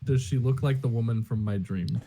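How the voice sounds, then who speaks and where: A man's voice: medium pitch, normal speed, mellow. A man playing in a tabletop role-playing game, talking casually and hesitantly with many restarts. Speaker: player.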